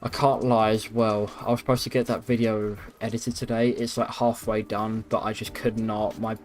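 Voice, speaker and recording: A man's voice: fairly low pitch, level tone, moderate pace. A young man chatting casually and rambling, with some swearing, as he streams a game on a microphone at his PC. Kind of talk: casual livestream gaming chat. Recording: music behind the voice. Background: music.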